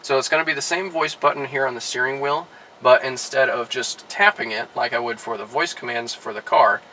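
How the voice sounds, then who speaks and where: A man, a car dealership product specialist, giving a relaxed how-to demonstration inside a car, with many "all right" and "uh" fillers. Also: medium pitch, a little fast, slight background noise, rough recording.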